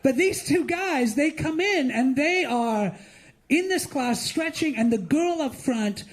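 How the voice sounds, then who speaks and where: A man with a very high voice performs animated stand-up before a live audience. He is middle-aged and grew up in India. His manner is mocking and playful. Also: slow. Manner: animated, mocking, with lively acted-out asides. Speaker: stand-up comedian and host. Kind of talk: stand-up comedy set.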